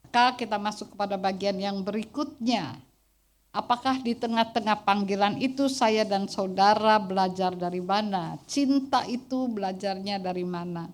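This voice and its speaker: Preaching on a Sunday, this middle-aged woman pastor uses a medium-pitched voice at a moderate pace, projecting loudly across the church. Her sermon is full of funny anecdotes, and she often turns to address the people in the pews.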